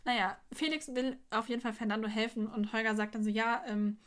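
A woman's voice: fairly high pitch, fairly even intonation, fast talker, fairly bright tone. A young woman co-hosting a podcast, chatting casually and retelling scenes with quoted lines and frequent laughter. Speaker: podcast co-host. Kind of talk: casual chat recapping an episode.

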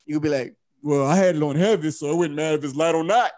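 A man's voice: on the high side, fast talker, darkish tone, no room sound, studio quality. A man in his thirties, a podcast guest, talking in a casual, profane, laughing way and telling stories. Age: 30s. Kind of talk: casual chat.

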